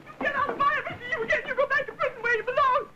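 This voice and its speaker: Defiant society wife; very high, theatrical, on a hissy early talkie track. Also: female voice, steady tone, very fast. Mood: tearful fury. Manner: theatrical, emphatic stage delivery. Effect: early talkie film soundtrack. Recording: muffled, hissy early sound film.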